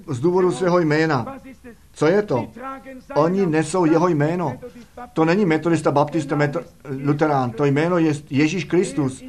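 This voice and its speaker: A man's voice: fairly high pitch, a little mellow. A man preaching a sermon fervently, firing rhetorical questions at the congregation.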